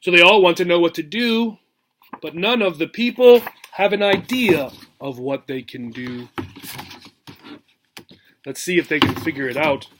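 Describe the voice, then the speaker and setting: Reading a children's rhyming story aloud to English learners, a male teacher uses a high, bright voice and goes slowly and expressively. He explains things simply and checks understanding with a short tag question, with slight background noise.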